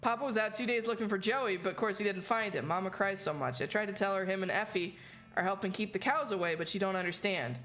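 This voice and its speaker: A woman's voice: mid-range voice, fast talker, fairly bright tone, natural voice. Woman reading as a young frontier girl, rustic phrasing. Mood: uneasy, childlike. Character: frightened young frontier girl writing her diary. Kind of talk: reading a diary aloud.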